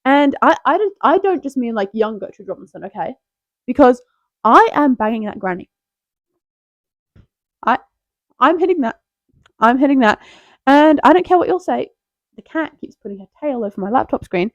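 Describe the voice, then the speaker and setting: A woman's voice: high voice, big pitch swings, moderate pace, long pauses, dry recording. Young female host, playful self-interrupting chatter, close dry lo-fi sound. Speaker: tier list video host. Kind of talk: casual rambling commentary.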